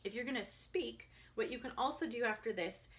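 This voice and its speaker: A young adult woman voice coach calmly guiding listeners through vocal exercises, sometimes demonstrating. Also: fairly high pitch, a little fast. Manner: calm, guiding, demonstrates vocal slides and counts. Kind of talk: instructional voice exercise video.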